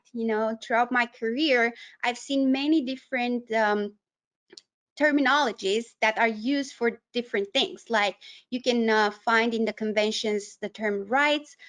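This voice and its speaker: A woman with a Romanian accent gives an educational webinar, her voice pitched on the high side. She is a human rights advocate who explains things haltingly, often pausing mid-sentence.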